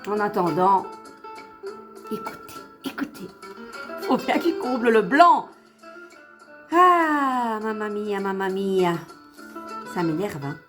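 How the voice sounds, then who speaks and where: A woman's voice: mid-range voice, expressive, slow pace, pauses often. A woman with a slight lisp doing a casual tarot reading for her followers, chatty and encouraging, repeating phrases for emphasis. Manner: lisps, tripping over words when pleased. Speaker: online tarot card reader and host. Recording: music playing behind the voice. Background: instrumental music.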